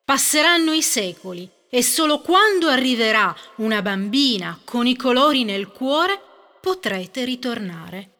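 A woman playing a stern, shrill fairy of peace. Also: very animated, a little slow, sharp tone, full character voice. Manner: scolding, commanding.

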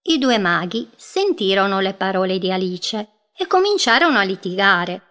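A woman narrating a children's story gently, drawing words out. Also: mid-range voice, big pitch swings, moderate pace. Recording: music bed behind.

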